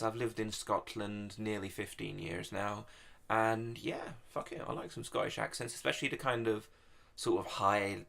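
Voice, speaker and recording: An English man with a lowish, gravelly voice and a fairly bright tone launches into a crude, sweary comedy rant delivered with mock seriousness. He's a YouTube comedian answering questions sent in online.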